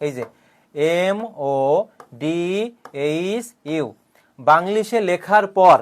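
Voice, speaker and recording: A male coaching teacher giving an online grammar lecture, drilling students with repeated questions and answers, joking with threats and often clearing his throat. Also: a little high. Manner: jokingly threatens students who have not shared the class.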